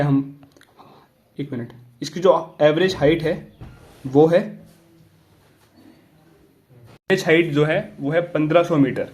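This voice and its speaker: Higher-voiced man teaching exam prep. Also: darkish tone. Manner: repetitive checking questions, mixing Hindi and English. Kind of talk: explaining lesson casually.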